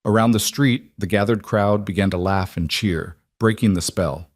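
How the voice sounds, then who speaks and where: Low-voiced man narrating a western tale. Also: moderate pace, no room sound, studio quality. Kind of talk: scripted narration.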